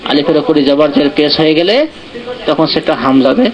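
A man's voice: a little high, steady tone, fairly quick, crowd noise. A man teaching Quran recitation in an online class, explaining patiently and checking in with his students often. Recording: muffled online call audio.

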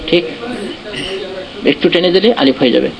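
A man's voice: fairly high pitch, normal speed, gravelly. Man teaching an online recitation class. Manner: patient, explanatory, checks students often. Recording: muffled online call audio.

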